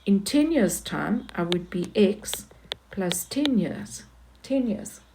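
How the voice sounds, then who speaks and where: Woman, maths teacher, patient step-by-step explaining, slow delivery. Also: mid-range voice, sing-song, mellow, a little hiss or hum. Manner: patient, talks through each step, repeats herself.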